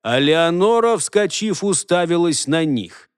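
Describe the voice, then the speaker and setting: Clear, expressive male audiobook narrator. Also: fairly high pitch, a little slow, no echo, studio quality. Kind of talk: scripted narration.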